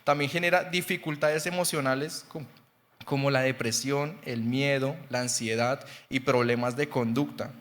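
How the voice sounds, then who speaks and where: A man's voice: mid-range voice, fairly even intonation, moderate pace, fairly bright tone. Young Bogotá man preaching in a hall. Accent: Bogotá Colombian Spanish. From Colombia. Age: 20s. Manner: chatty, laughs often, frequent "¿sí?" checks. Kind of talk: testimonial sermon. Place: church sanctuary. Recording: long church hall reverb.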